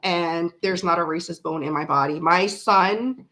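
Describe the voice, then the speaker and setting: Her pitch is fairly low, her pace measured and her sound a bit bright as she reads live comments during a casual stream. She's in her forties, born in Canada and raised in South Florida, with an accent mixing American and Canadian. Tired, she drifts through loose stretches of talk with frequent "ums" and false starts, as though late into a long session with viewers.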